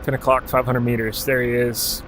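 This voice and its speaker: A man's voice: medium pitch, level tone, normal speed, a bit bright, a little hiss or hum, rough recording. Laid-back streamer man calling out commands. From Alaska. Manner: calls out game commands, swears casually. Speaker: game streamer. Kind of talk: casual live-stream chat while playing.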